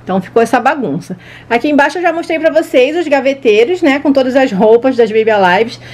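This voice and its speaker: A woman's voice: high-pitched, expressive, quick pace, a little mellow, highs cut off. A woman in her thirties with a Brazilian Portuguese accent, chattily narrating a casual handheld tour for children and pointing things out informally. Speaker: children's toy channel vlogger. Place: small indoor home studio room. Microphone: handheld camera at arm's length.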